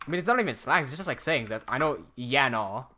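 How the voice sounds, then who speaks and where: A medium-pitched man with an American accent and lively intonation talks at a quick pace. Casual and chatty on his live stream, he reads out questions from viewers and answers them on the spot, all while fiddling with software.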